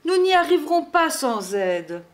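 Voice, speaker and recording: A woman's voice: sits high, very animated, measured pace, voice pushed up. Woman reading as anxious storybook reindeer. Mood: worried. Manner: anxious, pleading. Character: worried, complaining team of reindeer.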